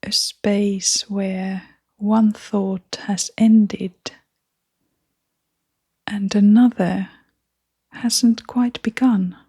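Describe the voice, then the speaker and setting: A guided meditation, scripted and delivered by a woman in a breathy, soft, almost whispered voice that soothes gently and pauses at length. Pitch is medium and the tone steady, captured as a dry, studio-quality recording.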